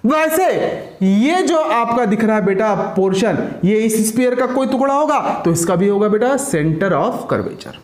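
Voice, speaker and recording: A male science teacher with a very high voice, lecturing a class in an echoey room. He fires questions at his students, repeats every answer back to them and calls them "beta" as he drives each point home. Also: animated, a little slow.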